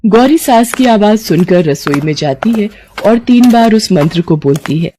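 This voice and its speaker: A woman narrating a scripted children's moral story in a steady, even storyteller's manner. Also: mid-range voice, normal speed, slight background noise.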